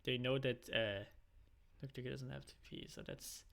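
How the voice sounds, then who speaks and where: A man casually commentating a live esports match, rambling and correcting himself, then bursting into excited shouts and casual swearing when fights break out. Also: mid-range voice, moderate pace, gravelly. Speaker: esports co-caster.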